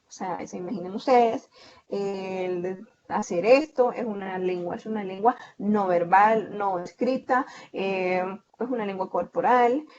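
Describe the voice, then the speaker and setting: A woman with a Salvadoran Spanish accent teaches an online class, her voice sitting a little high. She explains patiently, padding her points with fillers and quick self-corrections. The video-call audio comes through muffled and dull. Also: a little mellow. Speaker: online tutor.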